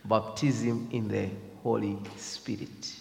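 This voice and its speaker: Slow, reflective Zambian man in a reverberant hall. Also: fairly low pitch, level tone, creaky. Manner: reflective, hesitant with many fillers. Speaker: speaker. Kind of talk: devotional talk.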